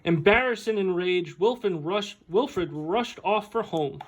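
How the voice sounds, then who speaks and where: A man with a high-sitting voice reads a picture book aloud expressively, as a school staff member might at storytime, using animated, deliberate phrasing and dramatic pauses. There is slight background noise.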